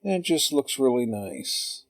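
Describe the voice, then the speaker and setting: A man calmly talking through a drawing tutorial step by step, in an unhurried voice-over. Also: mid-range voice, no room sound. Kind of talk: slow screen-recorded tutorial.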